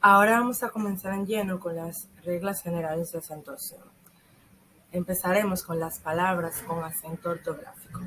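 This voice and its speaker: A teenage girl, a secondary school student, reading a school lesson aloud from a script and slowing down on the examples. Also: fairly low pitch, a bit bright, slight background noise, rough recording. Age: teens.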